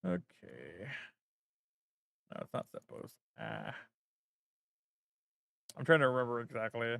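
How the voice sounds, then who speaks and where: A male vtuber streamer chatting casually with his viewers, rambling and thinking aloud with plenty of fillers. His voice has a gravelly edge, recorded dry and close with no room sound. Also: medium pitch, big pitch swings, slow pace, a bit bright, no room sound. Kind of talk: casual stream chat while working.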